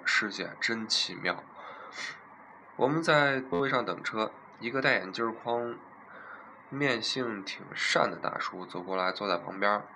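Young guy telling a funny story, kinda low and gravelly, playful. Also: sharp tone, slight background noise, rough recording. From Zhejiang, China. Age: young adult. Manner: playful, amused retelling. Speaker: vlogger. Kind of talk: casual storytelling.

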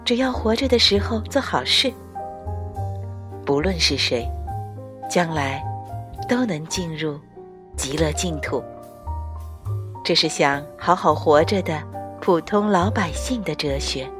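Slow, gentle woman storyteller. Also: sits low, animated. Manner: soft, unhurried, gentle. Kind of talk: children's picture-book reading. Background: soft music.

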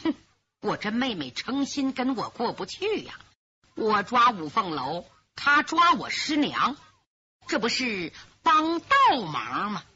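A woman's voice: fairly high pitch, very animated, takes it slowly, bright, forceful tone, slight background noise, full character voice. A woman storyteller voicing an anxious, scheming young swordswoman who frets aloud to herself. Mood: fretful. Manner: fretful, talking to herself. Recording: lo-fi, dull recording.

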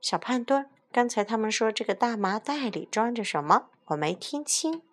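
A woman voicing a scheming male field mouse gang boss in a storybook reading, talking in a sly, hushed way. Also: fairly high pitch, animated, normal speed, pitched above the performer's own voice. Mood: puzzled.

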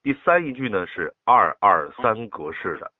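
A patient man coaches a child through poem recitation over a phone call. He draws words out slowly to show the phrasing, in a low, husky voice. The sound is thin and tinny, like a phone line. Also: very animated, no room sound. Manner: patient, demonstrates with slow drawn-out words. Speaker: poetry recitation teacher.

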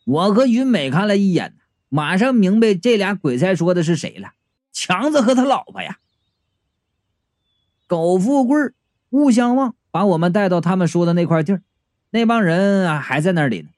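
A man's voice: high-pitched, expressive, normal speed, darkish tone, no echo, clean studio sound. A man narrating a comic audiobook in first person, wry and chatty.

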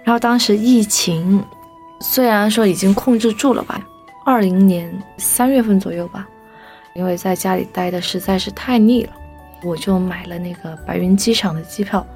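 A woman's voice: mid-range voice, moderate pace, soft background music. Young woman telling a personal story. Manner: lively, animated, briefly voices the people she quotes. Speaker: storyteller guest.

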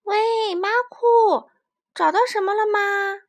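A woman's voice: extremely high pitch, slow pace, voice pushed up, exaggerated voice. A woman doing an eager little bear girl. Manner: excited, calling out. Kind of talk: storybook voice acting.

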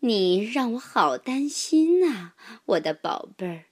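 A woman voicing a loving mother duck in a storybook, speaking softly and tenderly. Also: fairly high pitch, lively intonation. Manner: soft, slow and tender.

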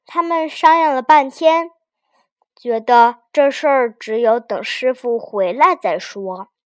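A woman narrating a children's story gently and expressively, with soft erhua endings. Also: high voice, takes it slowly, no echo, clean studio sound.

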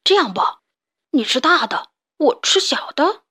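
A woman's voice: high-pitched, big pitch swings, unhurried, sharp tone, pitched above the performer's own voice, full character voice. A woman voicing a big, strong, bossy male tiger in a children's story, with a drawling, showy way of talking. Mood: coaxing.

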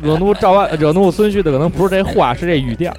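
A man co-hosting a casual comedy podcast, quick to argue and keeps cutting in. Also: high-pitched, a little mellow. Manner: quick, argumentative, keeps interjecting. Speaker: podcast co-host.

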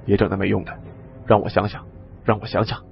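A man doing a gruff, muttering turncoat soldier. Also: fairly low pitch, little pitch movement, fast, muffled recording, faint music behind, voice pushed down. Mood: low, muttering. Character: gruff sly male soldier turned traitor.

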